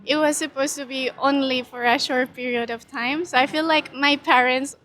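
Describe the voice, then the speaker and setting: A woman's voice: high-pitched, fairly even intonation, moderate pace, a bit bright. Chatty woman from Colombia. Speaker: interviewee. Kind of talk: casual interview storytelling.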